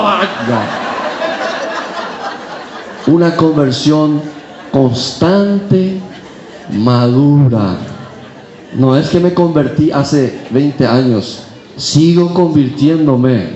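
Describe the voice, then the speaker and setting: A man's voice: on the high side, a little mellow. A middle-aged man preaching a sermon with personal testimony, telling stories with humor and acting out the voices of people he quotes. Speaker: preacher at a charismatic renewal gathering. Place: large hall at a national gathering. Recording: echoey hall, dull sound.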